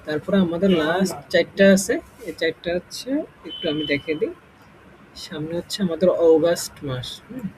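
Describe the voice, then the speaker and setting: High-voiced man teaching a casual lesson. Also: moderate pace, crowd noise, poor audio. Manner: explains step by step, often checking "okay?". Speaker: English teacher.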